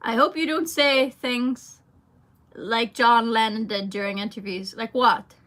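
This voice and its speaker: A young adult woman, a singer, reads viewer comments during a casual livestream Q&A, rambling along with plenty of fillers. Her voice is fairly high, steady and fairly bright, and she takes her time.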